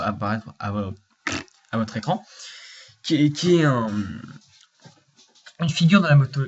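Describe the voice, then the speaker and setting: A man's voice: medium pitch, darkish tone. A man chatting informally to his viewers as he explains a card game, meandering from point to point. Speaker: card game video creator. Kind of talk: casual explainer talking to viewers. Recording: slightly muffled lo-fi recording.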